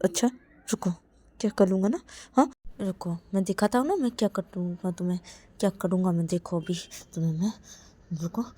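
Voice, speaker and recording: A woman voicing a hot-tempered young man who angrily refuses and threatens, in a repetitive, shouting manner. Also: mid-range voice, brisk, close to an everyday voice. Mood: threatening.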